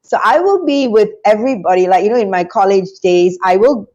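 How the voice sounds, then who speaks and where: A woman's voice: mid-range voice, brisk, lo-fi sound. Chatty woman telling her story. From Singapore. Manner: animated, chatty storytelling with frequent restarts and laughs. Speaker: interview guest, business school founder. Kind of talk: conversational interview storytelling.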